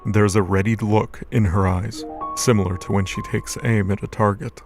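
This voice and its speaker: In a low, gravelly voice, a man narrates an audio drama at a moderate pace. His scripted storytelling stays fairly even in pitch, and music plays clearly underneath.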